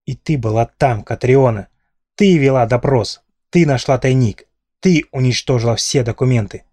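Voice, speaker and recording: A man's voice: mid-range voice, moderate pace, dark tone, no room sound, lightly acted. A man voicing a furious, menacing male lord in an audiobook, growling and accusing with hatred.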